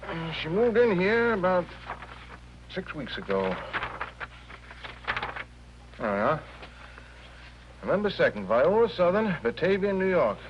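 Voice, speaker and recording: A brisk, cynical hotel clerk in a 1950s TV drama. His voice is a little high and moves around a lot. The sound is dull and lo-fi, with a faint hum. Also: sing-song. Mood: matter-of-fact. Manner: wry, matter-of-fact.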